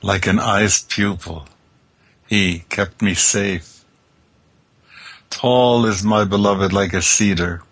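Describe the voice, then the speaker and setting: Man, deep and husky, for a mournful, unhurried poem reading. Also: fairly even intonation, fairly bright tone. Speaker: poetry reader. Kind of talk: solemn poetry recitation.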